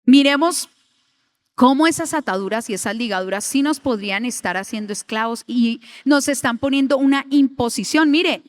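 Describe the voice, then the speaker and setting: High-voiced woman preaching to youth. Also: moderate pace. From Colombia. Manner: earnest, pleading, acts out quoted voices. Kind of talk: sermon to young people.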